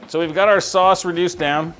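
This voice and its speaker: Relaxed male chef giving cooking steps. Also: high voice, moderate pace, slight background noise. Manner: relaxed, step-by-step instructions with frequent "uh" fillers. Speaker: chef hosting a cooking demo. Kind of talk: casual cooking demonstration. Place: kitchen.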